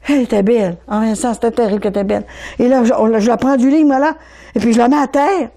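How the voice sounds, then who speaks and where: An older woman with a Québécois accent giving an emotional personal religious testimony, animated and repeating words as she stammers in rushes. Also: a little high. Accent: Québécois French. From Quebec.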